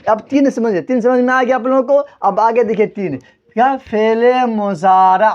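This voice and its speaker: A man's voice: very high voice, darkish tone, lo-fi sound. A man teaching a grammar lesson at a board, who keeps asking the class questions, answers them himself and spells words out letter by letter. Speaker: Urdu teacher.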